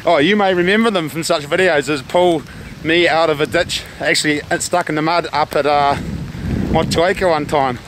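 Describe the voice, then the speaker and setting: This casual outdoor vlog features a New Zealand-accented man in his thirties, blunt and joking, filming himself up close with a handheld camera by a house in the rain. His voice is a little high, with fairly even intonation and a moderate pace, over a rough recording full of loud rain noise.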